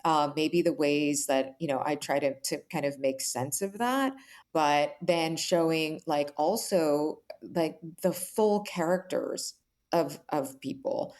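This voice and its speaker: An author appearing as an interview guest, she has a low, darkish voice and takes her time. Her answers are earnest, reflective and explanatory, peppered with "like" and frequent "right?" check-ins.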